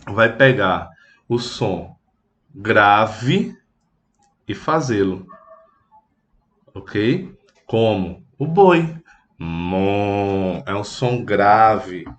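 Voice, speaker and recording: A man's voice: lowish voice, a bit bright. A Brazilian man teaching a children's music lesson, patient and simple, mooing like a cow and strumming a guitar to show sounds. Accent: Brazilian Portuguese. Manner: slow, patient, with animal sound imitations; plays guitar while explaining.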